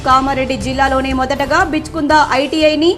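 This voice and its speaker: A woman with a high, clear voice reads the evening news headlines in a measured, formal way. Faint background music plays beneath her. She sounds like a local television anchor. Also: little pitch movement, fairly bright tone. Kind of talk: reading headlines.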